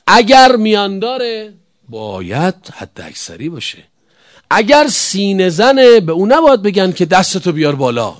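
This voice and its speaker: A man preaching a religious sermon, emphatic, firing rhetorical questions and swinging between loud calls and hushed answers. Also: sits high, no echo, clean studio sound.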